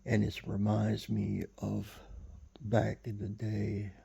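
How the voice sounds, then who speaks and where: A man telling a dream story in a casual, rambling way, halting and correcting himself as he goes. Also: on the low side, completely flat delivery, vocal fry, dark tone, slightly rough. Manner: rambling, halting, full of fillers and self-corrections. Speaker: vlogger recounting a dream.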